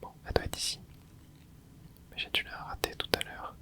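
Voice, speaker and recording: Short remarks and little interjections make up the soft, casual commentary of a gaming creator whispering an ASMR let's play. The voice is breathy and unvoiced throughout, and the delivery is brisk.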